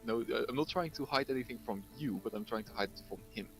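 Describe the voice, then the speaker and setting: A man's voice: mid-range voice, fast, a bit bright, faint music behind, poor audio. A man playing a tabletop game, explaining his moves in rambling stop-start bursts. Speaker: player. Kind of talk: casual tabletop play.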